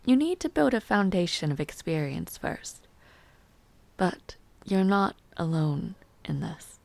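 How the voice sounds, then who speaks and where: Here the same weary noble ruler, voiced by a woman, guides a newcomer through a one-sided fantasy scene, fully in character and very animated yet composed and patient. Her delivery is very slow, slightly low with a bit of fry, measured and formal, softly hesitant with pauses, and there's no room sound at all.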